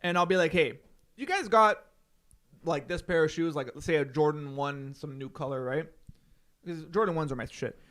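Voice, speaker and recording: A man's voice: fairly high pitch, moderate pace, a bit bright. A young man co-hosting a casual podcast, telling stories and swearing freely, with a constant "right?" tag. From Canada. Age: young adult. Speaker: podcast co-host. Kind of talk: casual chat.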